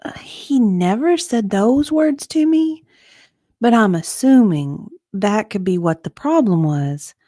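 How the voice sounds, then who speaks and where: In a dramatic reading of a legal deposition, a woman plays a hesitant, forgetful witness who halts and often trails off. Her voice is on the low side and dark, recorded at studio quality with no echo.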